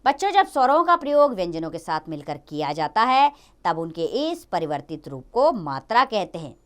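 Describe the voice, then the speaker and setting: A woman teaching a grammar lesson to children, drawing out each letter and example word slowly. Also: lowish voice, sing-song. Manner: slow, drawn-out teaching of each letter and sound.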